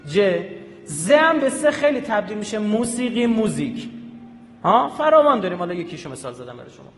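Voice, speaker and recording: A man giving an animated public lecture, often checking with his audience through quick rhetorical questions. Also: high-pitched. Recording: echoey hall with long reverb.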